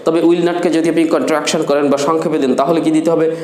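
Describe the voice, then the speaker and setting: A man teaching an English grammar lesson, asking the class questions and answering them himself, and drawing out his example sentences slowly. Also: fairly high pitch, little pitch movement, darkish tone, roomy sound. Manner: slow, drawn-out English example sentences between quick explanations.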